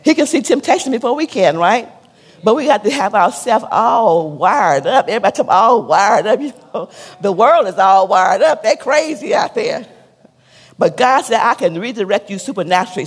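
A woman's voice: medium pitch, lively intonation, brisk, slightly rough, big-room sound. A woman pastor preaching a sermon, asking her listeners questions and repeating her key points. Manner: preaching with call-and-response questions and repetition; drops to a soft, hushed tone when telling a sad story.

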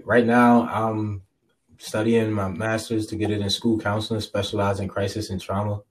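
Podcast guest, male, twenties, from Jersey City: informal, thoughtful, lowish pitch, slightly distant from microphone. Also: flat delivery, normal speed. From Jersey City, USA. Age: 20s. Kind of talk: casual, reflective interview answers.

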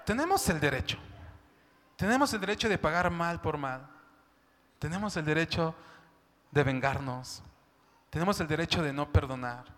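A man's voice: on the high side, animated, moderate pace, long pauses, fairly bright tone. A man preaching a sermon, talking in a chatty way and often asking "¿no?". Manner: conversational, keeps asking "¿no?" and "¿sabes?". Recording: long hall reverb.

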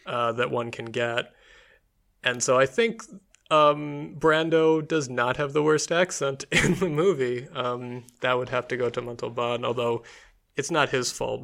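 A man's voice: mid-range voice, vocal fry, fairly bright tone. Chatty man discussing film history. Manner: chatty, laughs often, filler-heavy. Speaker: podcast co-host.

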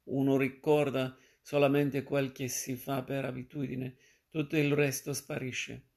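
A man's voice: mid-range voice, little pitch movement, a little slow, creaky, darkish tone. A man reading a moody, teasing woman in a novel. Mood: wistful.

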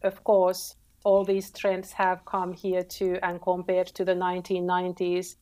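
A woman's voice: on the low side, monotone, dark tone. A woman from Finland, a podcast guest sharing her faith story in earnest conversation. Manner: earnest, unhurried, with frequent fillers and restarts.

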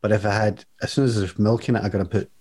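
Fast and steady, a man with a fairly low, darkish voice chats casually as a podcast guest, joking around playfully and at his own expense. He's recorded on a studio microphone with headphones in a home music studio.

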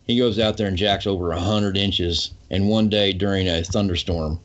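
A man's voice: sits low, fairly even intonation, moderate pace, a little hiss or hum. A man co-hosting a casual fishing show chat, easygoing and enthusiastic, saying "you know" often. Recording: muffled lo-fi audio.

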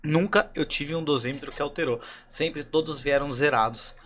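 A man's voice: a little high, normal speed, a bit bright, a little hiss or hum. A man with a Brazilian accent, a dental radiology guest on a talk show, talking plainly and often repeating words as he goes. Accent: Brazilian Portuguese. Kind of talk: casual talk show chat.

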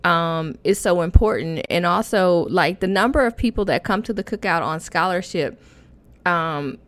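A woman talks in a casual interview setting. Her voice sits slightly lower than most women's. She is informal and conversational, reasoning aloud like an educator sharing experience. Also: normal speed. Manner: informal, thinks aloud with repeated "you know" and "like". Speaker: podcast guest, photography educator and conference founder.

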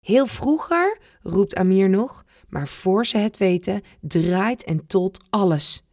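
A woman reading a children's picture book aloud in a clear, even storytelling manner. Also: mid-range voice, slow, dry recording, clean studio sound. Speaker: storybook reader.

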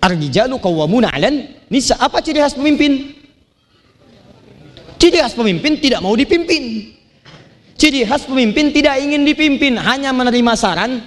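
High-pitched male preacher from Banten, chanting Quran verses amid lively sermon stories. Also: normal speed, pauses often. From Banten, Indonesia. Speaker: Islamic preacher. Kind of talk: sermon to a live audience.

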